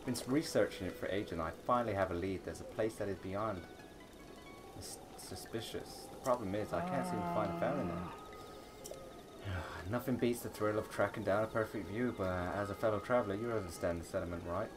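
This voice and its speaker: A man reading aloud the lines of an eager traveler in a video game, with loud game music behind him. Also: fairly low pitch, brisk, lightly acted. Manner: confiding, enthusiastic. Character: eager scenery-loving traveler seeking a fountain.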